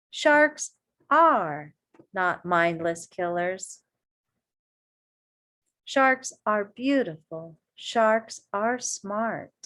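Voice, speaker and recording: A woman with a mid-range voice reads a story for children, sounding much like an elementary teacher. Expressive and encouraging, she places deliberate emphasis and adds asides for the young listeners.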